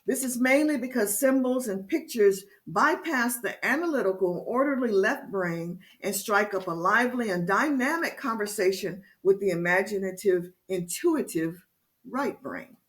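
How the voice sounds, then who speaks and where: A woman giving a prepared lecture-style talk to a discussion group, speaking slowly and with emphasis. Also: mid-range voice, expressive. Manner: slow, deliberate and emphatic. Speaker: speaker leading a discussion series.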